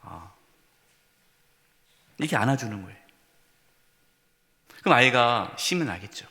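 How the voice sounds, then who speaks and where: A man's voice: on the high side, big pitch swings, moderate pace, pushed and bright. A man preaching a sermon as pastor to his congregation, speaking to them directly and with emphasis, in a church sanctuary. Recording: long reverb of a church hall.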